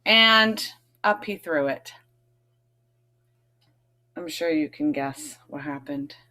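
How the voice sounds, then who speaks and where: A woman's voice: sits low, animated, slow, pushed and bright. A woman reading a picture book aloud to children, stressing key words expressively and adding chatty, questioning asides. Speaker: read-aloud host, teacher reading to children.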